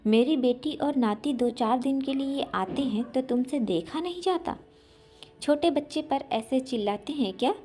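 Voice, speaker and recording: A sharp-tongued older mother-in-law in a spoken storybook, played by a woman. Her voice is high and indignant as she scolds, with faint music underneath. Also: a little slow. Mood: scolding.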